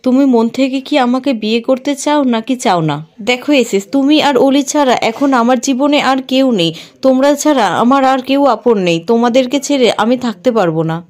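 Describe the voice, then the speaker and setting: A lonely young fiancée who clings to the man she wants to marry, spoken in a fairly high, even narrator's voice, as a woman reads her part. The lines come out plainly, as in a spoken recap of a serial. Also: moderate pace, natural voice. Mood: pleading. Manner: plain read-aloud dialogue, barely acted.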